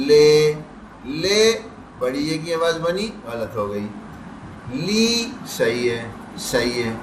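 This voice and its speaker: A man teaching a Quran recitation class, slowly drilling syllables and then explaining quickly. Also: a little high, a bit bright, slight background noise. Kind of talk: tajweed class lesson. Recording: echoey room, distant mic.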